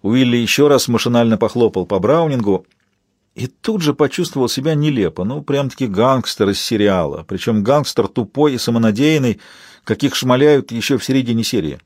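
A man narrating an audiobook in a steady, wry storytelling manner. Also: mid-range voice, brisk, no room sound, studio quality.

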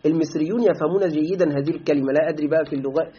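A husky-voiced man with an Egyptian accent gives a religious lesson as a sheikh, pitched high for a man. He talks in an animated way, firing rhetorical questions and spelling words out letter by letter. The recording is slightly dull and lo-fi. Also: very fast. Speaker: sheikh teaching a book.

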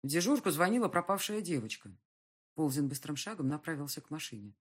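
A woman narrates a novel in an even, steady manner. Her voice is husky and sits on the lower side. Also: fast talker. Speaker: audiobook narrator. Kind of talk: scripted narration.

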